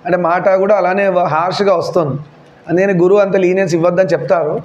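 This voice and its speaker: A man's voice: sits high, fairly even intonation, darkish tone, highs cut off. A middle-aged male teacher, telling a story to his class and stopping often to explain and remind students what to remember. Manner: slow, deliberate explaining with digressions and reminders to remember.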